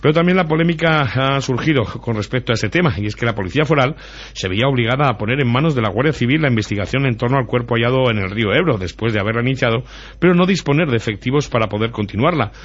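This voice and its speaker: A man's voice: medium pitch, expressive, quick pace, husky. A man presenting news and weather on local radio in a conversational way. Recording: dull lo-fi radio audio.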